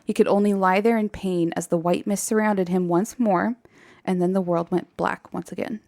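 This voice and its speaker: Brief: woman podcast host, animated storyteller, dry close mic. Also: mid-range voice, moderate pace, vocal fry, dry recording. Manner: animated, laughs often, acts out quotes. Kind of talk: casual storytelling chat.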